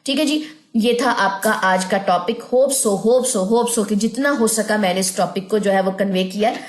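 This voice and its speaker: A woman teaching an online recitation lesson, explaining patiently and drawing out words slowly as she demonstrates. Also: mid-range voice, echoey room. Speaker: tajweed teacher.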